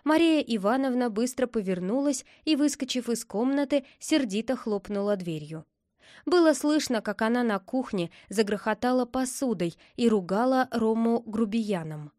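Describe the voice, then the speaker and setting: A woman reading a children's story aloud with a lively, expressive delivery. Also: fairly high pitch, normal speed, dry recording, clean studio sound. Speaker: narrator.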